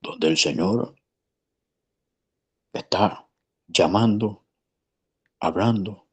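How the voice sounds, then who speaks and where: A man's voice: lowish voice, extremely slow, slightly rough. A man, a pastor, telling a story in conversation in an earnest, emphatic way. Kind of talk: preaching in conversation.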